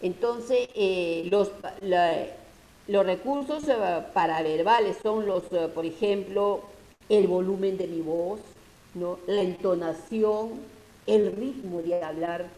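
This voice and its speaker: A woman's voice: medium pitch, takes it slowly, warm tone, echoey room, rough recording. A woman teacher with a Peruvian Spanish accent, lecturing her class over a video call and explaining step by step with many tag questions.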